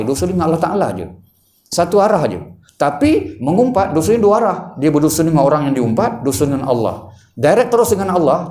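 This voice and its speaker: A male preacher with a Malaysian Malay accent gives a mosque lecture, keeps calling out to the congregation and acts out the gossip in small voices. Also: a little high. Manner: animated, addresses the congregation again and again, acts out gossip in little voices. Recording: echoey room.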